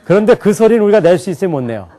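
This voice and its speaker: Male lecturer, lively rising and falling delivery, quizzes the room. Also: high-pitched, very fast. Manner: animated, asks the class questions and answers them himself. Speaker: English teacher. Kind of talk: lecture to a live class.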